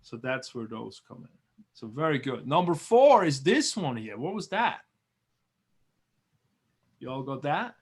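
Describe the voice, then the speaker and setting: A man from Switzerland teaching a biology review class over a video call, chatty and encouraging, slowly repeating terms. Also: mid-range voice, very animated, breathy edge.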